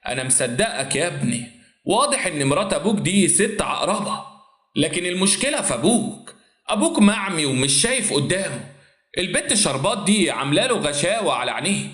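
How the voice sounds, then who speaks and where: A man's voice: high voice, sing-song, brisk, a bit bright, echoey room. Man doing a kindly old uncle. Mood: confiding. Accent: Egyptian Arabic. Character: kindly older uncle, calm and sympathetic.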